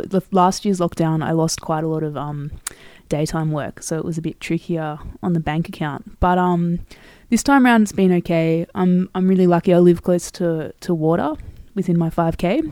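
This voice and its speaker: Podcast guest: female, Australian accent, lower register, soft-edged tone, casual conversation, dry sound. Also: dry recording. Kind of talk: casual chat.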